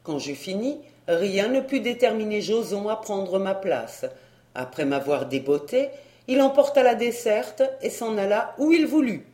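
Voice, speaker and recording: An audiobook narrator giving a measured, expressive first-person literary reading. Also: medium pitch, reverberant.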